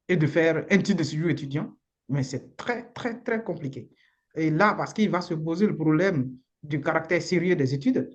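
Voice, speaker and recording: A woman's voice: fairly low pitch, muffled recording. A woman lawyer with a Beninese accent gives informal, frank advice in a live online session, using the odd blunt slang word. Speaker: immigration lawyer.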